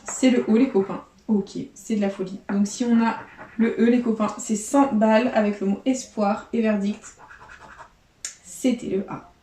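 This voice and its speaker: A higher-pitched woman with a warm, mellow tone chats her way through scratch-card results, talking to viewers as pals. The sound is echoey, with faint noise under her voice. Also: steady tone, moderate pace. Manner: chatty, addresses viewers as friends. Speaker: scratch-ticket vlogger. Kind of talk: casual running commentary.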